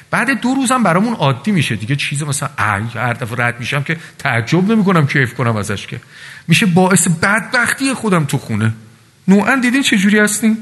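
A man delivers an animated religious sermon, weaving stories and voiced asides into his talk. His voice sits a little high and sounds husky. A long reverb from a large hall trails after his words. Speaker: preacher.

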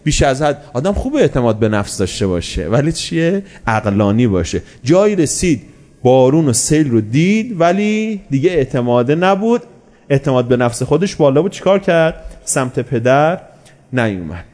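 In a sermon, a man recounts a story animatedly, raising rhetorical questions and supplying his own answers. He speaks in a mid-range voice.

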